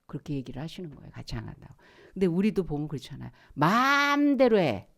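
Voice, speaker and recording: A woman pastor preaching a sermon in a church. She talks in an animated way, acts out the voices of people in her examples, and drops to a hushed near-whisper for emphasis. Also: low-pitched, very fast, vocal fry, breathy edge.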